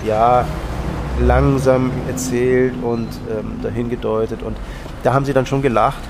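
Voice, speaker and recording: Gravelly Austrian man telling anecdotes. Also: mid-range voice, level tone, measured pace, noisy background. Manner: rambling and anecdotal, with many restarts. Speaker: guest. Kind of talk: casual interview talk.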